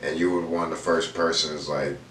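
A man in his thirties, raised in Houston, Texas, chats casually as a guest painter in an interview, laid-back and slangy with plenty of fillers. His very deep voice is steady, brisk and a bit bright. He sits on a leather couch in an indoor room, with the mic distant, so his voice is a bit off mic, with roomy echo and faint room noise.

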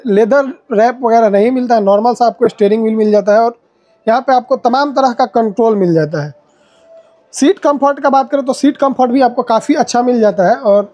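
A man's voice: very high voice, a little mellow. A young man from Bihar, India, vlogging a walkaround of vehicles at an outdoor expo and chatting to viewers as brother, recorded on a handheld phone. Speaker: auto vlogger. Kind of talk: walkaround vehicle review vlog. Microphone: phone camera at arm's length.

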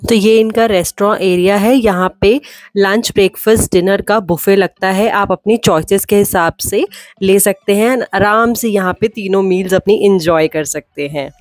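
A young woman in her twenties films herself on a handheld phone at arm's length while vlogging from a hillside campsite. Her mid-range, slightly mellow voice moves at a normal pace, chatty and upbeat, dropping English words into her Hindi. There's no room sound.

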